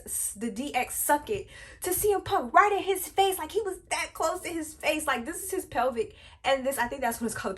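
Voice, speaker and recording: Young woman fangirling over wrestling, kinda high voice, lots of um and y'all, close mic. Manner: animated, addresses viewers as y'all, many fillers. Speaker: wrestling review vlogger. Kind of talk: excited casual wrestling recap.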